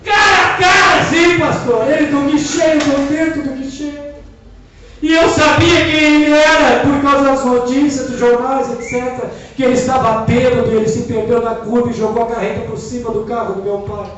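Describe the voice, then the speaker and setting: A man preaching his testimony at a Pentecostal service, swinging between hushed storytelling and shouted appeals. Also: extremely high pitch, level tone, moderate pace, crowd noise, background noise. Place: church service hall. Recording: echoey church hall, distant mic, music and congregation.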